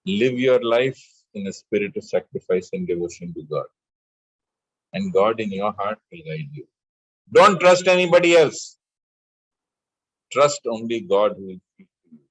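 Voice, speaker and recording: A man teaching spiritual lessons in a measured way, chanting scripture verses between his explanations. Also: sits low, husky, no echo, muffled recording. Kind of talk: spiritual discourse with scripture recitation.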